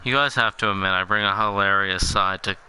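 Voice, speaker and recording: A young man calls the plays of a football video game in a flat, monotone way, dropping dry jokes. His voice sits low yet sounds bright and sharp. Light background noise runs under him. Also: brisk, rough recording. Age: young adult. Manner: monotone, dry jokey delivery. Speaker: play-by-play commentator. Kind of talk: casual video game commentary.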